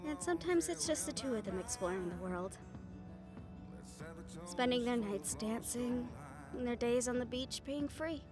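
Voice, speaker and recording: With music playing underneath, a woman in an intimate audio roleplay takes the part of a writer, sharing with fond wistfulness how her characters' tales conclude. Her fairly high voice is expressive and lightly acted, at a moderate pace.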